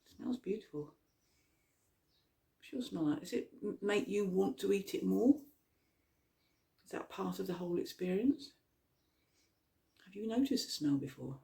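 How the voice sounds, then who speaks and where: A guide leading a mindful eating exercise at home, asking gentle, slow questions and sometimes talking while chewing. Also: medium pitch, lively intonation, vocal fry. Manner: talks while chewing at times. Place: at home with a cat nearby.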